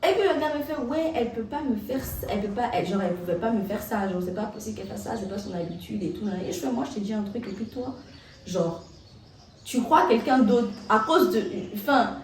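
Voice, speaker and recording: Animated young woman in a roomy space. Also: medium pitch, fast talker, recorded from a distance, slight background noise. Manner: animated, excitable retelling with slang. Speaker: vlogger. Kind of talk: casual storytime. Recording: roomy echo, set back from the mic.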